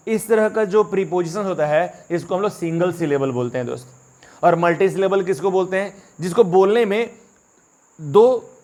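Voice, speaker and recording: A young man teaching English grammar in Hindi, mixing in English phrases and often calling his viewers friends. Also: on the high side. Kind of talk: explaining lesson to students.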